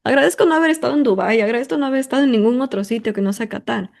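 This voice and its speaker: A woman's voice: a little high, rapid-fire, gravelly, a little mellow. A woman from Ecuador, hosting a personal monologue in an emphatic, talkative way full of intensifiers and fillers. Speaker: podcast host.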